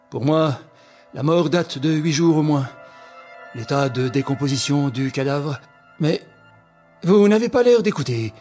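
A man voicing a pompous, self-satisfied male examining magistrate in an audiobook reading, with a husky voice. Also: mid-range voice, a little mellow, close to an everyday voice. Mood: lecturing. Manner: pompous, emphatic, self-assured.

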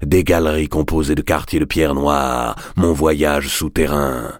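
Male reader doing a low, trance-like spirit voice, very slow. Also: steady tone, dry recording, clean studio sound. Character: summoned spirit form, slow and hollow.

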